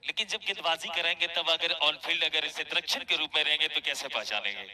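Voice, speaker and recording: A man giving excited live cricket commentary with drawn-out calls. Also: a little high, no room sound.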